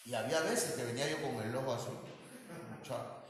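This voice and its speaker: A man with a Mexican Spanish accent preaching a sermon as pastor, with animated delivery that climbs high for emphasis. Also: fairly quick, a little hiss or hum. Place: church hall. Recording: echoey hall.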